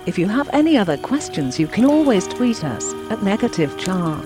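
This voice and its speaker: A woman's voice: medium pitch, sing-song, normal speed, music in the background. A synthetic female robot voice reading a scripted podcast intro in a chirpy way. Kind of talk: scripted text-to-speech intro.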